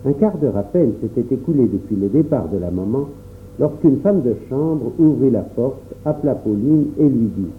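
Man reading a storybook, phone-like sound. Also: medium pitch. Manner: calm, measured first-person narration. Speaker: narrator. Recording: tinny phone-like sound, faint noise.

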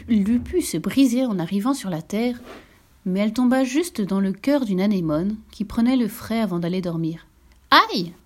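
A woman reading a children's story aloud in a gentle, expressive way, with soft whispered touches. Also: medium pitch.

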